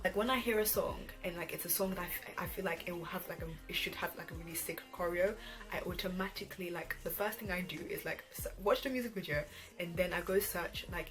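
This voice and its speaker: The recording is rough, and R&B pop music plays under the voice of a 21-year-old woman hosting a casual vlog. She has a lowish voice and is from Ghana, having moved to England at age twelve.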